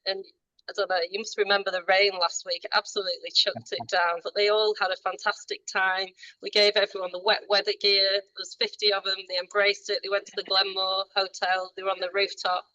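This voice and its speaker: Bright-voiced woman giving a polished promo pitch. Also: flat delivery, fast, dry recording, highs cut off. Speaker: business member pitching tours. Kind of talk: short networking pitch. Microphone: video call.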